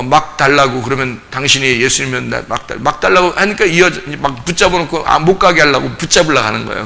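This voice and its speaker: In a church, a male pastor leads a casual Bible study in an animated way, asking his group questions and acting out scenes from the text. His voice is gravelly and fairly high in pitch.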